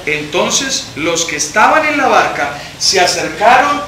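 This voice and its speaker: A man leads a church Bible study in an unusually high, piercingly bright voice. He reads scripture with drama and keeps checking in with his listeners. The sound carries the echo of a reverberant church hall. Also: a little slow, a little hiss or hum. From Colombia. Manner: animated, questions the congregation, reads scripture dramatically.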